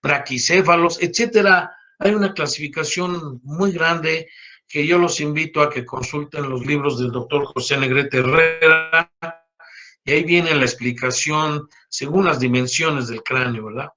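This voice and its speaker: An older man teaching an anatomy class, explaining slowly and checking with his students through frequent tag questions. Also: a little high, pushed and bright, soft background music. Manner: slows down to spell out key terms. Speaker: anatomy professor. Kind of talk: university lecture.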